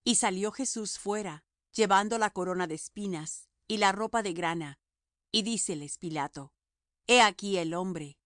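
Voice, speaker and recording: A woman narrating a scripture audiobook in a measured, solemn reading. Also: medium pitch, no room sound, clean studio sound.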